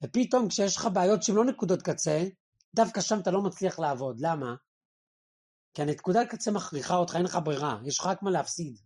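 A man giving a Torah lesson to a group, animated, firing rhetorical questions and acting out the voices he quotes. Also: sits high. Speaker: religious teacher.

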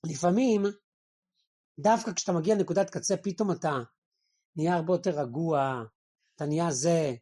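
A man leads a religious study lesson in a lively, conversational way. He keeps asking his listeners questions and answering them himself, and he slips into the voices of the people he quotes. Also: a little high, pauses often. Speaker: religious teacher. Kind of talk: Torah lesson to a group.

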